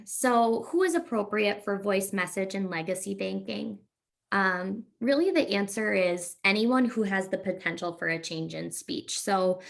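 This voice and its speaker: Gravelly-voiced woman presenting a webinar. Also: mid-range voice, a bit bright. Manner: explanatory, frequent "um" fillers. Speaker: speech-language pathologist.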